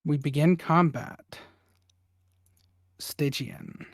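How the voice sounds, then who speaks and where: Male game master for tabletop play, fairly high voice, close dry sound. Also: steady tone, very slow, no room sound. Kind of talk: running a tabletop role-playing game.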